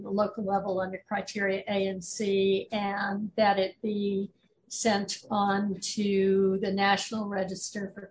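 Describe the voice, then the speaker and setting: A woman on a board making a formal motion, measured and pausing with ums. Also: mid-range voice, slight background noise, low-quality recording.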